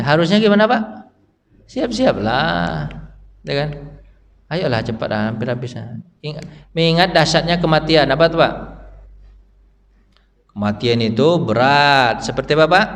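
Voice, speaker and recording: A man teaching a dawn study circle in a mosque, quizzing the congregation and answering himself, his pitch swinging up high to stress a point. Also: a bit bright. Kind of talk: interactive mosque lecture. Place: mosque hall. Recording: reverberant hall sound.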